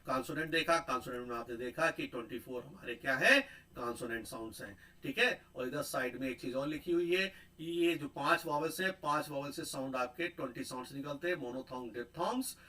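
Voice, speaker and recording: A man giving a pronunciation lecture, repeating sounds and words slowly and often checking in with a tag question. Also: mid-range voice, pushed and bright, rough recording.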